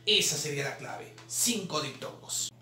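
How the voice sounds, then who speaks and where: A man's voice: fairly high pitch, expressive, pushed and bright. A man teaching language exam answers, drawing out syllables as he explains. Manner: drawn-out repetition of syllables, explanatory. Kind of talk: exam solution lesson. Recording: roomy, distant mic, faint noise.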